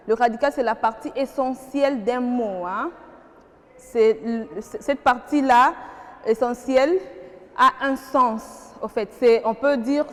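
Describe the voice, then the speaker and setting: A woman's voice: a little high, big-room sound. A woman with a Congolese French accent teaching a primary school grammar lesson, patient and questioning, repeating key words for the class.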